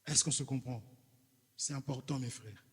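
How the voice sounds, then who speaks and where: Husky Congolese preacher in a hall. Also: male voice, mid-range voice, moderate pace. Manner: emphatic, preaching to the congregation with rhetorical questions. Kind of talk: sermon. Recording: reverberant hall.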